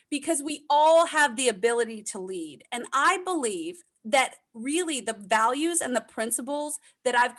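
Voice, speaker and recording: A woman's voice: a little high, fairly bright tone. A woman from the United States, a leadership consultant who speaks emphatically as a podcast guest and repeats key points for effect. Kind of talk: casual interview chat.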